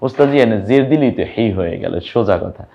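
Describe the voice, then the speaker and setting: A man's voice: lowish voice, expressive, quick pace, creaky, lo-fi sound. A young man teaching an online lesson, patiently sounding out syllables and quizzing his viewers. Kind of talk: online lesson on reading Arabic vowel marks.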